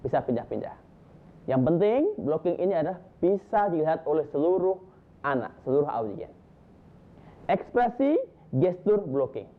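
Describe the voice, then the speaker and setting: Emphatic man teaching storytelling, tinny sound. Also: on the high side. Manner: lively, emphatic, lists points with rising energy. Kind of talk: instructional talk to storytellers.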